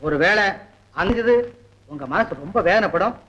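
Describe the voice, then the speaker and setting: An actor playing an earnest, gentle young man in a 1960s family film drama, pleading with emotional delivery. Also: high-pitched, expressive, moderate pace, a little hiss or hum. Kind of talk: 1960s Tamil film acting. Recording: dull 1960s film soundtrack with music.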